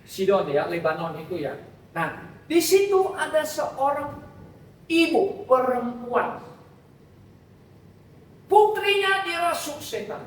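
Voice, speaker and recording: A male pastor preaching and telling a story, firing rhetorical questions at his congregation. His voice sits unusually high and he takes his time. The sound fills a very echoey church hall and comes from well away from the mic. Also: big pitch swings, takes it slowly, long pauses, far from the mic. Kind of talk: sermon.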